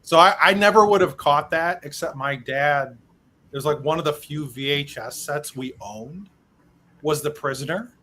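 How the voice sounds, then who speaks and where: A man's voice: on the high side, normal speed, sharp tone. A man chatting casually on a podcast, easygoing and dropping "like" often. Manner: easygoing, uses "like" a lot. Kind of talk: casual chat.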